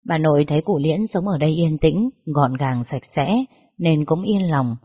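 A narrator reading a story in a steady, measured way. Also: mid-range voice, slightly rough. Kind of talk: scripted storytelling. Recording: dull lo-fi recording.

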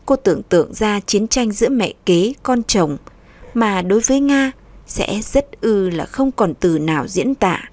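A woman narrating a story in an even, unhurried storytelling manner. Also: mid-range voice, dry recording.

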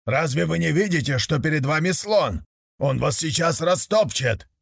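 A man's voice: on the high side, expressive, normal speed, gravelly, husky, no room sound, clean studio sound, pitched above the performer's own voice, full character voice. A man doing a bossy elephant rider. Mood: commanding. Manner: commanding.

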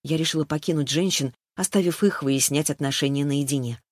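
A woman narrating a novel in first person, keeping an even storytelling pace. The sound is dry and close, with no room around it. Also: low voice, brisk, dry recording. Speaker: audiobook narrator.

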